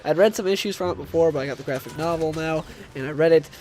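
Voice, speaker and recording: A young man with a cold rambles casually through a comic book review, his voice stuffed-up and nasal, with many fillers and restarts. He talks quickly, and his voice is on the high side with a darkish tone.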